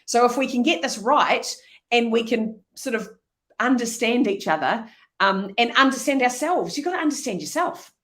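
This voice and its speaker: A middle-aged woman, an energetic leadership speaker talking as an interview guest. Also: a little high, normal speed. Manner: energetic, animated storytelling. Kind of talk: conversational interview.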